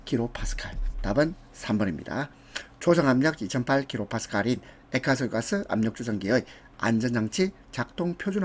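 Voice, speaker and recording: A man's voice: medium pitch, a little mellow, husky. A man teaching an exam prep lecture, going through answers step by step with casual asides.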